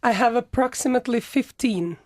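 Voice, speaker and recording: A woman's voice: fairly high pitch, a little fast, dry recording. A woman from Croatia, a native Croatian speaker, talks as a guest on a radio English class and often hesitates while searching for words. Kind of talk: on-air English class chat.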